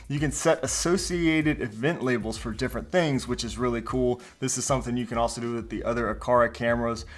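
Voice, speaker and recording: A man's voice: medium pitch, a bit bright. A man giving a casual walkthrough review of a video doorbell, explaining features with the odd filler word. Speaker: tech product reviewer.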